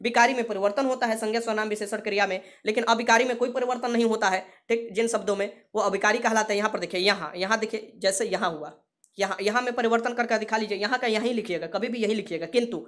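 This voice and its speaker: A woman teacher delivers a rapid exam-prep grammar lesson. She repeats each term several times and keeps asking her students questions, mixing English words into her explanations at a quick clip. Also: mid-range voice. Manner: repeats key terms and asks the class questions.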